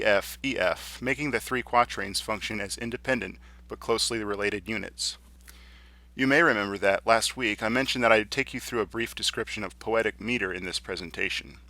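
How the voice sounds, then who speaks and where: A man teaching a lesson, explaining clearly and reading poems aloud slowly. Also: fairly low pitch, bright, forceful tone, no room sound. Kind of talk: recorded lecture.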